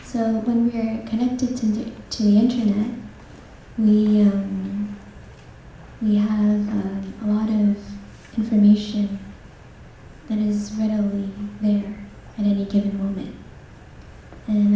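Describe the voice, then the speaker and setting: Slow, mellow woman speaking in a hall. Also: medium pitch, recorded from a distance, slight background noise. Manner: gentle, unhurried, frequent "um"s. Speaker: speaker at a talk. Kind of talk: dharma talk to an audience. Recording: roomy hall, speaker off-mic.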